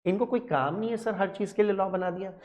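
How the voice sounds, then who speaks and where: A man's voice: high voice, fast talker, a little mellow, voice pushed up, natural voice. A man voicing a cheeky young male student who pesters his teacher with playful, whiny questions and keeps saying sir. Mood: whining.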